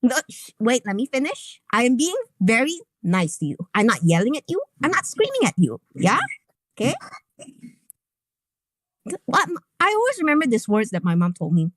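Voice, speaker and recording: A woman on a voice call lectures someone at length, slipping into mocking quoted voices. Her voice is high and swings widely in pitch, with a dry, close sound. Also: huge pitch swings, normal speed, no echo. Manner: lecturing, mocks the other person in quoted voices. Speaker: caller in a voice call. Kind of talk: heated voice call confrontation.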